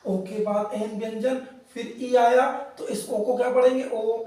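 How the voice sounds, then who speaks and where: A man's voice: very high voice, level tone, darkish tone. A man teaching English pronunciation to learners, drawing out each example word and asking them questions. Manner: slow, drawn-out example words, asks learners questions. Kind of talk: classroom lesson. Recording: very echoey room, voice from far off.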